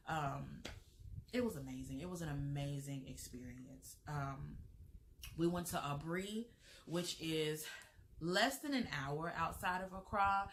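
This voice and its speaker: A woman's voice: low-pitched, fairly bright tone, slight background noise. A young American woman with an American accent, chatting casually as a travel vlogger, rambling with lots of fillers and restarts. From United States. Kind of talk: casual chat.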